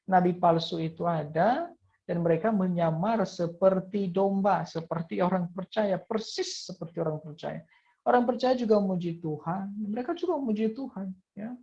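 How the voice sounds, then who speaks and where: A woman's voice: fairly low pitch, gravelly, warm tone. A woman teaching Bible verses in a monologue, reading passages aloud and peppering her talk with "ya" and "nah". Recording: dull lo-fi recording.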